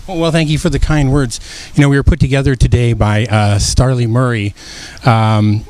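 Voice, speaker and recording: A male host leads an interview in a chatty, friendly way. His voice sits at an ordinary male pitch, and he keeps his questions loose and conversational. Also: fairly even intonation, moderate pace, a little mellow, clear, resonant tone.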